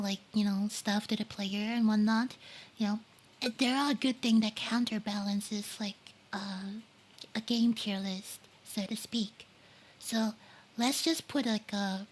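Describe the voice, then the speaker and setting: Woman, livestreamer, casual rambling chat, lots of fillers, slightly high voice. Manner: rambling, reads chat aloud, many fillers. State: eating while talking.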